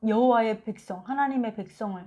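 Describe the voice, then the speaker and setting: Animated Korean woman teaching the Bible. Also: fairly high pitch, brisk. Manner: animated, acts out biblical quotes.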